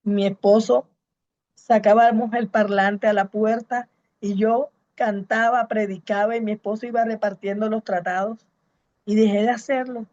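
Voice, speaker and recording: A woman's voice: mid-range voice, fairly even intonation, moderate pace, darkish tone, no echo, muffled recording. Fervent woman pastor preaching. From Colombia. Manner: fervent, repeats key phrases, calls out to listeners. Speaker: pastor and evangelist. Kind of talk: preaching testimony to a congregation.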